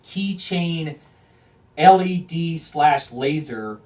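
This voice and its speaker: Excitable swearing man telling a story. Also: a little high, extremely slow, recorded from a distance. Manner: animated, swears often, repeats and restarts phrases. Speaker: podcast host. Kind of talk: casual storytelling chat.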